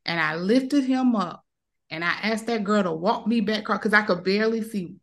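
As a guest on a podcast, a woman in her thirties shares a personal story in a casual, emotional way, imitating the voices of others in it. She speaks at a medium pitch and moderate pace with a fairly bright tone.

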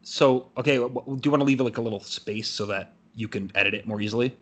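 A man's voice: mid-range voice, fast. A man co-hosting a casual podcast, stammering and trailing off as he talks. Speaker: podcast co-host.

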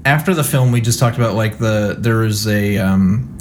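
A man's voice: on the low side, normal speed, darkish tone, slight background noise. A man co-hosting a podcast, chatting casually in a wry, rambling way with lots of asides. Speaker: podcast co-host. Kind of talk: casual chat.

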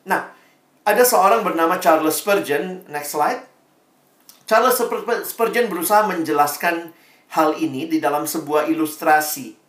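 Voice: medium pitch, measured pace. Preacher telling a story in a sermon, chatty, echoey hall, mic kinda far. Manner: conversational, animated storytelling, varied pace.

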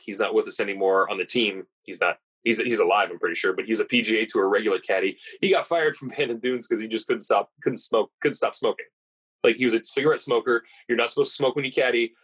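A man's voice: fairly low pitch, a bit bright, slightly rough, low-quality recording. A man hosting a podcast, chatting casually and telling a digressive golf-caddie anecdote with self-correcting asides.

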